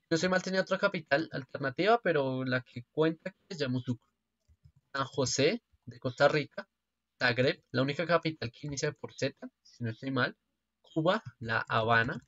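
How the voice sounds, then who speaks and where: A man's voice: mid-range voice, no echo. Casual man musing through a quiz. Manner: casual, hesitant, corrects himself mid-word. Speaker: geography channel host. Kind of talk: thinking-aloud quiz commentary. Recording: dull lo-fi dry sound.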